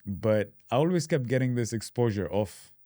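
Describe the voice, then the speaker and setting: A man from Dubai in his thirties, a podcast guest talking casually and explaining his path with relaxed fillers. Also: medium pitch, moderate pace, no echo, studio quality. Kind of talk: casual interview.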